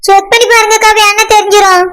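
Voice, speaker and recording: A meek young cartoon village woman with a Kanyakumari Tamil accent, pleading her innocence in quick, anxious bursts, as a woman plays her. Her voice is extremely high. Noise sits clearly behind it. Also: little pitch movement. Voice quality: pleading, defensive. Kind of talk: cartoon voice acting. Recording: noisy background.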